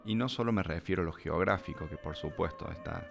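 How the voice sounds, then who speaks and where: A man's voice: deep voice, a little fast, vocal fry. A man giving thoughtful commentary on a story and then reading it aloud, reflective and hesitant as he talks. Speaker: literature commentator and reader. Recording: music playing underneath.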